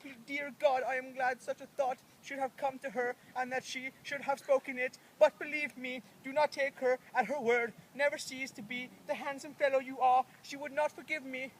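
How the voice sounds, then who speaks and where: High-voiced student doing cyrano, proud tortured poet guy, earnest and declaiming, bit of background hiss. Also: level tone, normal speed, few pauses, far from the mic, close to an everyday voice, low-quality recording. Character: Cyrano, proud anguished male poet-soldier. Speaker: student actor. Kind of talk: amateur school play reading.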